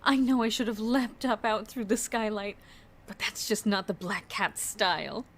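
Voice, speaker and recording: A woman's voice: medium pitch, normal speed, lightly acted. Woman acting sultry, theatrical cat-burglar antiheroine. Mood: seductive, coaxing. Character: seductive, willful female masked cat burglar, playful and devoted. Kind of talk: comic dub voice acting.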